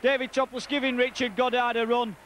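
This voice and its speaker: A man's voice: extremely high pitch, flat delivery, brisk, a bit bright. A man giving live commentary on a rugby league match. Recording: outdoor match noise behind commentary. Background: stadium ambience, whistling crowd.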